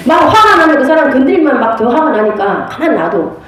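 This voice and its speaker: A woman, a pastor's wife, teaching a church class on prophecy, telling stories in a lively way and laughing often. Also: sits high, brisk. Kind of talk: church lecture with storytelling. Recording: very echoey room.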